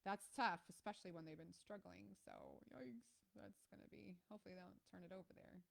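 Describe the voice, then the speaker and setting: A woman from Ohio hosting a live stream, chatting casually about football and reacting to plays with lots of ums and excited outbursts. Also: mid-range voice, fairly quick, gravelly. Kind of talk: casual live game commentary.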